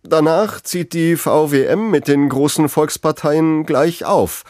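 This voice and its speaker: A man's voice: on the high side, takes it slowly, a little mellow, dry recording, studio quality, voice pushed up. A man playing a rattled TV election anchor. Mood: stunned. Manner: strained, struggling for composure. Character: flustered male TV election moderator.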